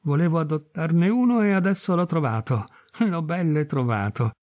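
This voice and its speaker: A man voicing an aging, gruff farmer husband in a storybook reading. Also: a little high, expressive, moderate pace, a little mellow, no echo, studio quality, natural voice. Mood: gleeful. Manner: gruff, stunned then gleeful.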